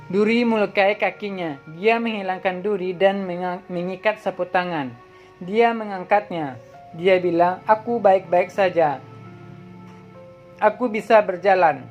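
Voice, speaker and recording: A woman reading a drama plot synopsis aloud as a channel host, in a plain even way that sometimes stumbles and restarts words. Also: mid-range voice. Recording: dull lo-fi audio with faint background music.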